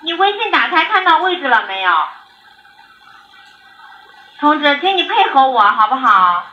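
A woman's voice: high-pitched, very animated, normal speed. A woman working as an emergency dispatcher over a landline phone, repeating questions and instructions insistently and impatiently. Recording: roomy phone call recording, faint noise.

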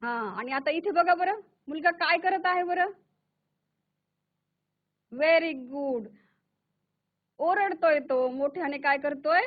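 A woman teaching English to young children, speaking slowly and patiently, asking questions and praising the class. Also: high voice. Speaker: primary school English teacher. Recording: tinny phone-like audio.

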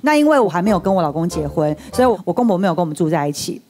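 Fast-talking Taiwanese woman spinning a story. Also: lowish voice, faint music behind. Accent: Taiwanese Mandarin. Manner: animated storyteller, acts out voices in her stories. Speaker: guest. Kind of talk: casual chat, telling anecdotes. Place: TV studio.

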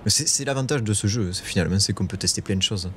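Chatty low-voiced male streamer. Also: fast, background noise. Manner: chatty, swears when frustrated. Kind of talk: live gameplay commentary. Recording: game music playing behind.

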